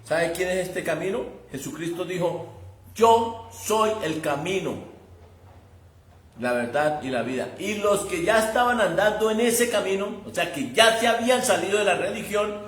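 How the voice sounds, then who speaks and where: A man preaches with a high-pitched voice in a conversational, emphatic manner, speaking directly to his listener. His voice bounces around an echoey room. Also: fairly bright tone, slight background noise. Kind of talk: sermon.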